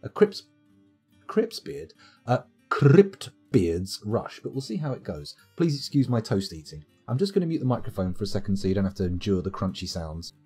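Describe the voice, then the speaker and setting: A man talking over livestream microphone audio from his desk, his pitch moving lively up and down as he chats wryly through a strategy game. His voice has a husky, slightly breathy edge, and a soft guitar plays faintly behind him. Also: moderate pace. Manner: wry, chatty, reads game reports aloud. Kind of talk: casual livestream commentary.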